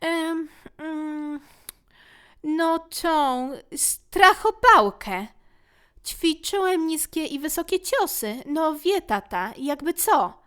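A boastful young boy from a children's storybook, eager to seem brave and grown-up, voiced by a woman reader. He talks in a raised, lively, bouncing voice. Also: high voice, very slow, pitched above the performer's own voice, exaggerated voice. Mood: nervous. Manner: cocky, eager.

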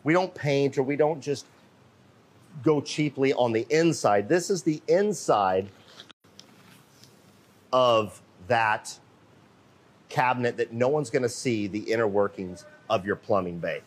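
A man's voice: mid-range voice, animated, measured pace, long pauses. Chatty man hosting a workshop tour. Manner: off-the-cuff, chatty, many fillers and restarts. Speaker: host of a live company show. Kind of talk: unscripted live walkthrough. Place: indoor cabinet workshop. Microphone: handheld microphone.

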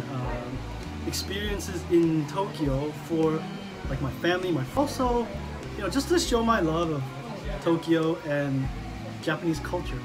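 An American man in his thirties talks casually across the table at a busy yakitori place, pausing to chew and describe the food. His manner is easygoing, and music plays in the background. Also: sits high, rough recording. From Washington DC area, USA. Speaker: YouTuber. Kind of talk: casual chat over dinner. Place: busy yakitori restaurant booth. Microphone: camera on the table.

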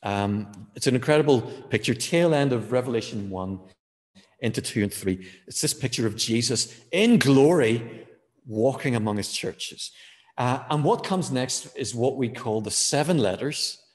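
A man preaching a sermon in a church, measured, with frequent fillers, slowing down to stress key words. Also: mid-range voice, animated, in a large hall.

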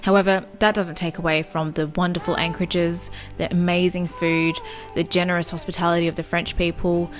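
A young woman reading a scripted voice-over for a sailing travel vlog in a smooth, descriptive way. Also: on the low side. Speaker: sailing vlogger, narrator. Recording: voice-over with music underneath.

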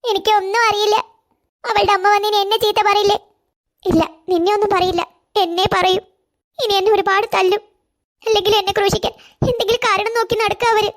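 A meek, stammering cartoon schoolgirl in her early teens, voiced by a woman. Her voice sits very high and the words tumble out quickly. She sounds timid and easily brought to tears. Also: fairly even intonation. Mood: tearful. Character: poor, timid schoolgirl in eighth grade. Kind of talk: cartoon voice acting.

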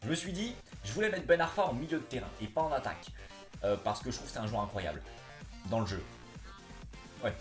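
Seated on a couch in a small room, a young gaming vlogger talks in a slangy, laid-back way, his s sounds a bit lisped and slushy. His medium-pitched voice is expressive and quick, broken by long pauses, and the reverberant space carries faint music behind him.

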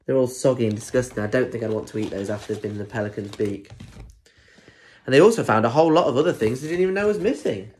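A British man in his twenties reads a children's story quickly, medium-pitched and a little mellow, playfully asking young listeners questions and making chatty asides. He records in a plain room at home on a phone or tablet at arm's length, with a little hiss or hum.

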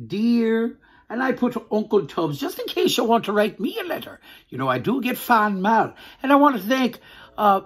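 A woman hosting a children's book club, reading a picture book aloud in a playful, animated way and chuckling often. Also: medium pitch, slightly rough. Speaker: children's book reader and host.

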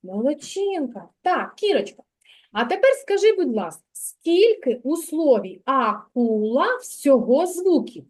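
A woman teaching a young child to read in a kindergarten lesson, speaking slowly and patiently with lots of praise. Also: high-pitched, very animated, a little mellow. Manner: slow, patient, praising, sing-song. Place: kindergarten classroom.

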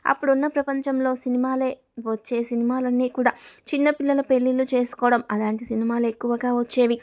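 A woman reading a serialized story aloud in a plain, steady narrating manner, speaking the characters' lines herself. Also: high-pitched, fast talker.

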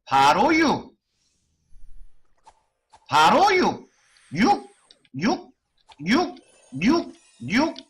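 A man's voice: extremely high pitch, huge pitch swings, very slow, pauses often, a bit bright. A man streaming an online game live, chanting and cursing as he gambles on item upgrades.

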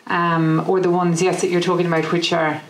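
A woman's voice: on the low side, level tone, a little fast. A woman in her thirties with an Irish accent, giving a practical design talk into a handheld microphone in a kitchen showroom, with many "you know" fillers. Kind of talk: presentation to a live audience. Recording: roomy showroom with faint noise.

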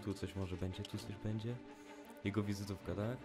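A young man casually commenting on a video game as he plays, cracking jokes, swearing often and shouting at the screen when things get tense. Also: lowish voice, steady tone, normal speed, over music. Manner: jokey, swears a lot, yells at the screen in tense moments. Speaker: let's play gamer. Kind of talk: casual let's play commentary.

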